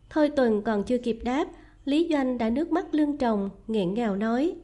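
A woman reads a romance novel aloud in a soft, measured, even style. Her voice sits fairly high, with a mellow, dark tone. She keeps a steady storytelling pace throughout. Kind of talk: scripted narration of a romance novel.

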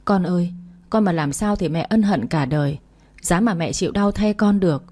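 A woman's voice: fairly low pitch, normal speed, a little mellow. A woman reading as a tearful, pleading young woman. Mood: wailing.

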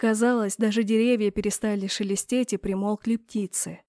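A woman narrating a fantasy novel in the first person, reading the heroine's cries with rising pitch and force. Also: steady tone, moderate pace, mellow, dry recording, clean studio sound. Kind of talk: audiobook narration.

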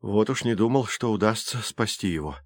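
A courteous, gently joking gentleman in an audiobook story, read by a man, speaking in a low voice close to the reader's own. The sound is dry, with no room around it. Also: lively intonation, a little fast, breathy edge, dry recording. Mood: relieved.

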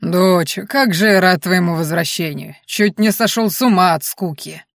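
A huge male orc chieftain teases everyone with rough, jolly humor, as a woman reader voices him. Close, dry storybook recording. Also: fairly low pitch, normal speed, no room sound, close to an everyday voice. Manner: guffawing, teasing.

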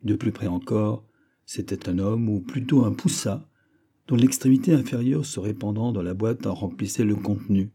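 A man narrates a classic novel in a measured, steady way. His voice is low and very dark, with a husky edge. The reading is even and unhurried. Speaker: audiobook reader.

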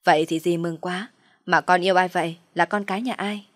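A woman voicing a caring, shrewd aunt who asks calm, probing questions. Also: lowish voice, brisk, no echo, studio quality, lightly acted.

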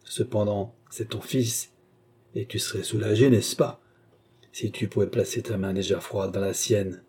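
A stern, implacable old soldier, performed by a man reading a novel aloud, speaking with contemptuous authority. The voice sits low and dark, with a husky grain. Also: fairly even intonation, measured pace. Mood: grim. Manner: harsh, commanding, contemptuous. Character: old vengeful former hussar servant, implacable.

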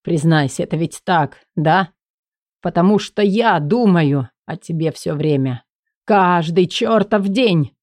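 A woman's voice: lowish voice, takes it slowly, darkish tone, dry recording, studio quality. A woman voicing a desperate young man in an audiobook, speaking in an urgent, insistent way. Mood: angry insistence.

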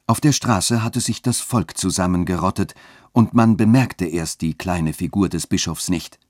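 A man narrating a literary story for radio in a steady, formal delivery. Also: deep voice, normal speed, no echo, clean studio sound.

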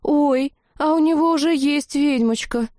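A woman's voice: on the high side, a little fast, warm tone, dry recording, clean studio sound, close to an everyday voice. A woman voicing a buxom young blonde witch who gushes and squeals. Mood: pouting. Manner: gushing, squealing.

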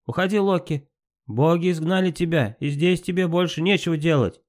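A man's voice: a little high, normal speed, pitched above the performer's own voice, close to an everyday voice. A man reading an audiobook, voicing a proud, scornful female goddess who rebukes a trickster.

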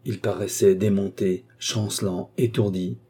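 A man narrating a classic novel as an audiobook in a measured, steady way. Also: lowish voice, slightly rough.

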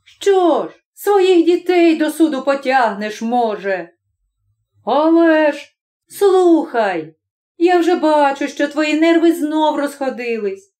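Woman doing a brisk housewife, scolding, incredulous, raised voice, storybook reading. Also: high-pitched, expressive, a little mellow, voice pushed up. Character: brisk housewife, mocking and reasonable.

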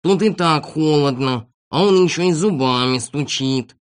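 A storybook reader voicing a grumpy little shorty who grumbles in a slow drawl. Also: mid-range voice, darkish tone, natural voice. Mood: grumbling.

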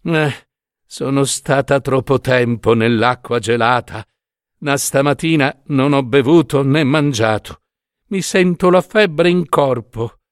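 A man's voice: on the low side, animated, slow pace, no room sound, studio quality, pitched below the performer's own voice. A man voicing a worn-out poor washerwoman in a storybook reading. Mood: faint.

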